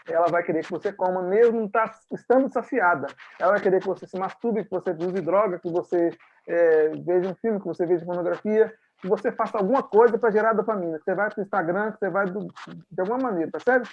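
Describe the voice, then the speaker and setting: A guest leadership lecturer with a high voice and a Brazilian Portuguese accent addresses medical students online in a conversational way. He illustrates points by acting out examples and asks his listeners questions. The sound quality is lo-fi.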